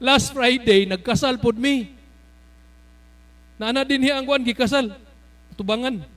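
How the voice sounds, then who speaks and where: A man preaching a sermon as pastor, animated, breaking into shouts and laughter as he tells stories. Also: extremely high pitch, measured pace.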